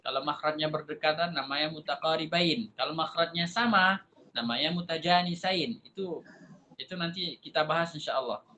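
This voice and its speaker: A man's voice: fairly high pitch, pushed and bright, a little hiss or hum, poor audio. A man teaching a Quran recitation class, explaining step by step and repeating letter sounds to demonstrate them. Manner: explanatory, asks and answers his own questions. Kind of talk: tajwid lesson.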